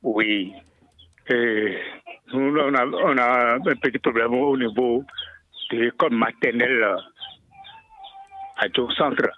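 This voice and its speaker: A man calling in to a radio show, talking haltingly with many fillers and repeated words. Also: mid-range voice, soft background music. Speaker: caller. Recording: tinny phone line.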